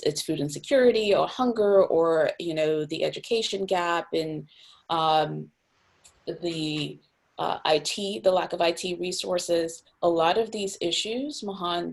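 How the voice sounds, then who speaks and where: Low gravelly woman on a video call. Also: darkish tone. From Cameroon. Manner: thoughtful, many fillers and restarts. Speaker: executive director of a housing nonprofit.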